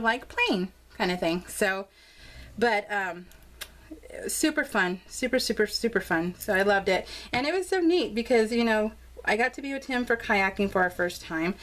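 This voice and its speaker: An American woman chats unscripted as a crafting vlogger showing off scrapbook pages, bubbly, gushing and rambling. Her slightly high, fairly bright voice is expressive and moves at a normal speed.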